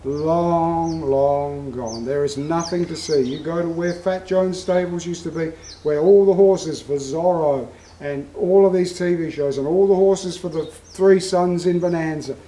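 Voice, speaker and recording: High-voiced Australian man telling stories. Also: normal speed, dark tone, reverberant, slight background noise, rough recording. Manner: folksy, heartfelt storyteller. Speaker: vlog host. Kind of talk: casual storytelling.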